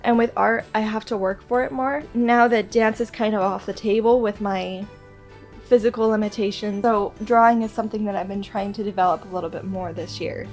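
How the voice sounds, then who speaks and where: A woman's voice: mid-range voice, steady tone, a little fast, darkish tone, soft background music. A woman with a stuffy, nasal voice from a cold, chatting casually and gushing girlishly in a vlog. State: congested with a cold. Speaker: vlogger showing gifts to viewers.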